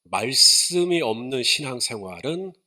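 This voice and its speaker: Male pastor, bright tone, animated conversational sermon. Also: medium pitch, unhurried. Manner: conversational, asks the congregation questions, rises to emphatic preaching.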